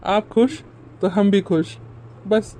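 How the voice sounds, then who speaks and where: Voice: medium pitch, fairly even intonation, slow, dark tone, close to an everyday voice. A voice actor playing an agreeable middle-aged husband in a cartoon, speaking with easy contentment. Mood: content.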